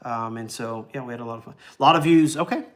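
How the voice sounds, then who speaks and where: A fast-talking man of forty with a medium-pitched, fairly bright voice hosts a travel livestream. He's easygoing and rambly, chuckling often and leaning on lots of ums and uhs.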